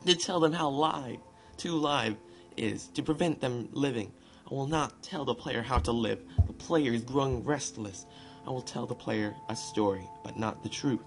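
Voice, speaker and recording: With a mid-range voice at a moderate pace, a man narrates a gaming video through casual commentary and loose, amateur read-aloud passages. He stumbles and ad-libs informally over a backdrop of guitar and piano music.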